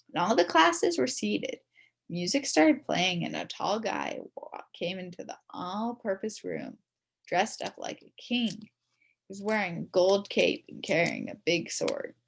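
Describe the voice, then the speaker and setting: Speaking as a child narrator, a woman reads a children's story aloud with dramatic emphasis and stretched-out words. Her voice is mid-range, creaky and husky.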